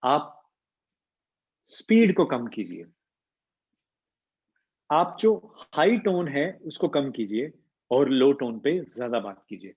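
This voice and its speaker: A man teaching an online voice class, mixing Hindi with English and demonstrating pitch with hums and slow pauses. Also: very animated, darkish tone, slightly rough, dull audio. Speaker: voice coach.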